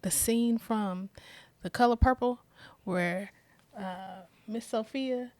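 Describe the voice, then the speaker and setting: A woman's voice: fairly high pitch, slow, a little mellow, dry recording. Woman, podcast co-host, casual chat, backchannels, dry recording. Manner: reactive, frequent backchannels.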